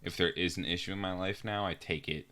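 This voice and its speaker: A man's voice: deep voice, fairly even intonation, fast talker, bright, forceful tone, smooth. A young American man in casual podcast chat, rambling and swearing freely as he tells stories. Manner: loose, profane, rambling storyteller. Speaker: podcast co-host.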